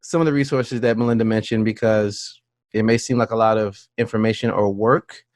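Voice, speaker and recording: A man's voice: lowish voice, steady tone, fairly quick, dry recording, studio quality. A man hosting an interview, talking in a chatty way with jokey asides and frequent restarts. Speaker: podcast host. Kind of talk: casual interview chat.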